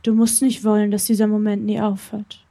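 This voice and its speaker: A woman reading aloud and voicing a gentle, adoring young man in a romance story, speaking softly and lovingly. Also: mid-range voice, completely flat delivery, fairly quick, gravelly. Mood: tender.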